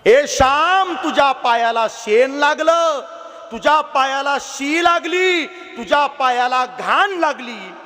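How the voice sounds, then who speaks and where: A man's voice: very high voice, animated, slow, sharp tone, pitched above the performer's own voice, full character voice. A man voicing a loving village mother who tenderly counsels her small son and keeps calling his name. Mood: tender pleading. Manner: tender, pleading, repeats the son's name. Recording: long reverberant hall.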